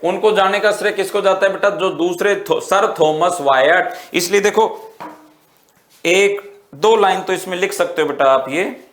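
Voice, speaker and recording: A man's voice: high-pitched, unhurried, fairly bright tone, echoey room. A male teacher giving an exam-prep literature lecture, mixing Hindi with English terms and quizzing his students with rhetorical questions, calling them "beta".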